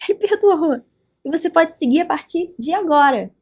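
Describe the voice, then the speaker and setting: A Brazilian woman telling faith stories as a podcast guest, with an animated and earnest delivery. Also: extremely high pitch, moderate pace. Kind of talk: faith testimony in a podcast conversation.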